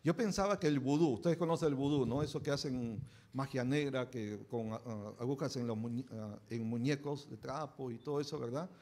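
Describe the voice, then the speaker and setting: A man's voice: mid-range voice, moderate pace, a little mellow. A pastor preaching a conversational sermon, often checking in with his listeners with short tag questions.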